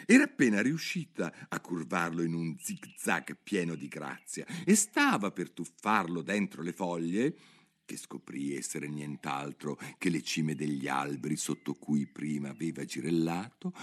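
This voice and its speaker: A man narrating a children's storybook aloud with expressive, animated delivery. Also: low voice, unhurried.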